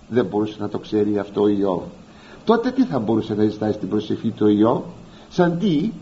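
A man preaching a sermon, speaking straight to his listeners and slowly drawing out the words he wants to stress. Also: on the high side, dark tone, muffled recording. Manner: addresses listeners directly as "beloved".

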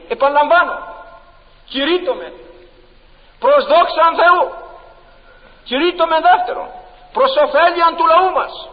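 A man preaching a sermon in a church, impassioned and emphatic, with many rhetorical questions. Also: very high-pitched. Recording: dull, long-reverb church recording.

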